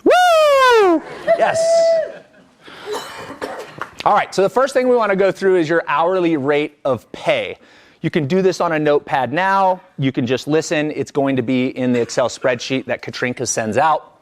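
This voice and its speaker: A man's voice: fairly high pitch, moderate pace. A man leading a live business coaching workshop, talking energetically and conversationally and checking in with the group.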